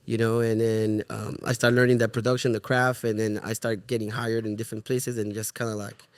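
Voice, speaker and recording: With little pitch movement and a brisk pace, this fairly low male voice belongs to a middle-aged Ecuadorian music producer and artist with a Spanish accent. Recorded at studio quality without echo, he answers earnestly in a relaxed interview, hunting for words as he goes.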